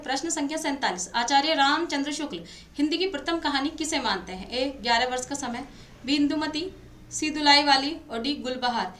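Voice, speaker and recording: A woman's voice: high voice, sharp tone. A woman teacher running an exam-prep lesson, reading quiz questions and their options aloud, then confirming the answer and addressing her students affectionately as "beta". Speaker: Hindi teacher. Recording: echoey room, faint background noise.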